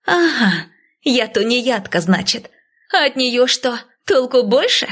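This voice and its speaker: A scornful, selfish young woman of twenty-two, put on by a woman reading the story, speaks in a sneering, petulant way. Her voice sits noticeably higher than the reader's own. It is a storybook figure with a restless, spiteful temper. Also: normal speed, fairly bright tone, natural voice.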